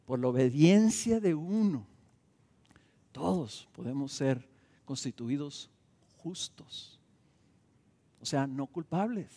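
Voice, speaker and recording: A man's voice: fairly high pitch, dark tone. Man, pastor, sermon, emphatic rhetorical delivery, long reverb of a church hall. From Mexico. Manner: preaching with emphatic bursts and rhetorical questions. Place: church sanctuary.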